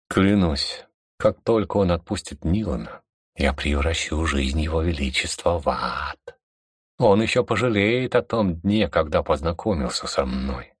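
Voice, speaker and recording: Deep husky male audiobook reader. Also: no room sound, clean studio sound. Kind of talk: audiobook narration.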